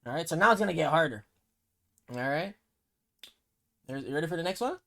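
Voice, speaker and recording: A man's voice: on the high side, animated, fairly quick, bright, forceful tone. A young man with a Toronto accent hosts a casual, bantering quiz, teasing in easy slang. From Toronto, Canada. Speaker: host quizzing his cousin on slang.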